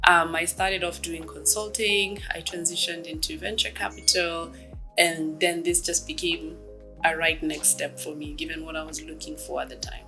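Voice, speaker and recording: Her low voice carries a bright, forceful tone as this woman, a Kenyan startup executive in her thirties, responds to interview questions. She is reflective and measured, often pausing on um.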